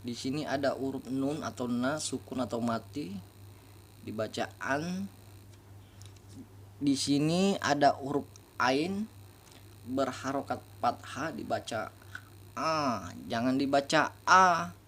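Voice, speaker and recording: Male reading tutor, unhurried, repeats each sound, slight background noise. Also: medium pitch. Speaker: Quran reading teacher. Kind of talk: slow step-by-step recitation lesson.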